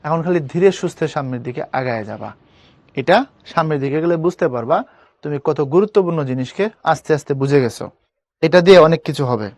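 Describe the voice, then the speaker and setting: A man's voice: fairly high pitch, expressive, fairly quick, a little mellow, no room sound. A young man teaching an online spelling class, casual and coaxing, often checking whether students understand. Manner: colloquial, coaxing, keeps asking students if it is clear.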